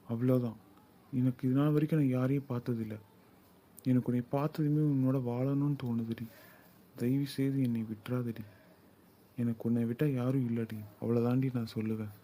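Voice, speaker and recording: Man voicing young possessive lover, insistent, pleading, warm dark voice, audio drama. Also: mid-range voice, steady tone, brisk, lightly acted. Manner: insistent, swings from pleading to commanding. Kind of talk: Tamil audio drama acting.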